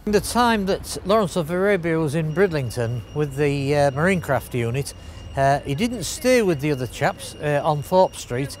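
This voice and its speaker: A man's voice: a little high, animated, moderate pace, a little hiss or hum. An older man giving a local history talk in front of a brick wall, explanatory and hesitant with many fillers. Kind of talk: spoken local history presentation.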